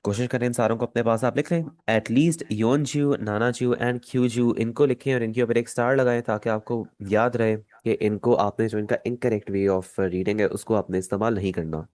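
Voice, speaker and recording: A man with a Pakistani Urdu accent, teaching an online language lesson, patient and repeating each step slowly. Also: fairly low pitch, steady tone, darkish tone, dry recording.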